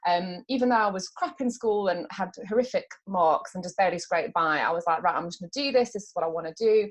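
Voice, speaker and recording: A woman in her forties who grew up in South Africa, a business coach chatting as a podcast guest, open and emotional and quick to laugh. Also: fairly low pitch. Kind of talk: casual interview chat.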